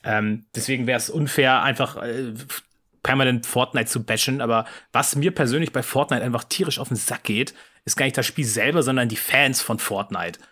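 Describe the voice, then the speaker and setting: A man's voice: mid-range voice, moderate pace, bright, forceful tone. A man in casual, opinionated podcast chat, speaking in a blunt, colloquial way. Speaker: podcast panellist.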